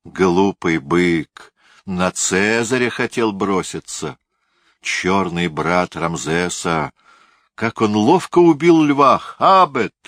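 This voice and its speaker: A man's voice: low-pitched, slow pace, a bit bright, no room sound, clean studio sound. A man voicing a dying old tyrant king who rages and issues commands in delirium. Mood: delirious. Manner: raving, commanding outbursts.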